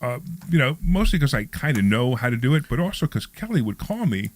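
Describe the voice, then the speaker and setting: A man's voice: mid-range voice, sing-song, brisk. A man in his sixties hosting a radio talk show, chatting casually, rambling with frequent restarts. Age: 60s.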